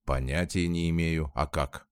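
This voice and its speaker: A man voicing a gentle young man who comforts his sweetheart in a reassuring tone. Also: extremely low pitch, fairly even intonation, unhurried, clear, resonant tone, no room sound, clean studio sound.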